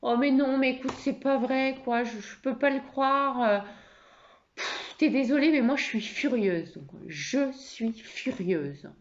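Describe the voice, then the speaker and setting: A woman's voice: lowish voice, expressive, quick pace, gravelly, darkish tone, highs cut off. A woman playing an angry wife who raises her voice in heated, indignant outbursts. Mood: upset. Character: furious wife whose evening plans fell through.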